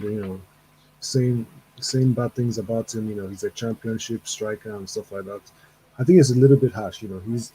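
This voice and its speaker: A man's voice: mid-range voice, dark tone, slight background noise. A man calling in to a casual football chat through a fuzzy, distorted mic, talking hesitantly with many fillers. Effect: fuzzy distorted mic sound. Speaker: call-in guest.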